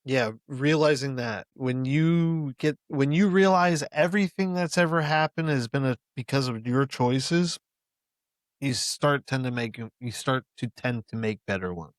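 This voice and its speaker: A man's voice: mid-range voice, measured pace, no echo, studio quality. A man co-hosting a podcast in casual chat, blunt and profane, laughing easily. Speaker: podcast co-host.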